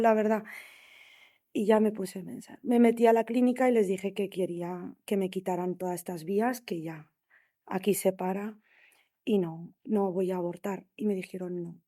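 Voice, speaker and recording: Mellow-voiced young woman telling her story. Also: medium pitch. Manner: emotional, halting storytelling with many restarts. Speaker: guest speaker sharing a testimony. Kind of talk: personal testimony at a talk.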